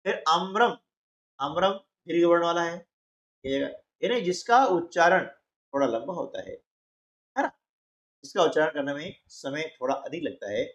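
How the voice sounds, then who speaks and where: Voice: medium pitch, echoey room, lo-fi sound. A teacher talking through a workbook lesson one step at a time, asking questions and answering them, and often checking in with short tags. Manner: slow, explains step by step, asks and answers its own questions; often adds "है ना" and "ठीक है". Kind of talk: classroom lesson walkthrough.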